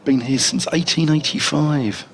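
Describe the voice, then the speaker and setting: A man commentating on a cricket match with a slightly high, gravelly voice. He fills the gaps between deliveries with rambling, jokey chat. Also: steady tone, measured pace.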